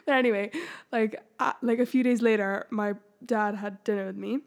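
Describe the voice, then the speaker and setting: Gravelly-voiced young woman telling stories. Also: mid-range voice, moderate pace. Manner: animated storytelling, many fillers. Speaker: podcast host. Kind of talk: casual chat.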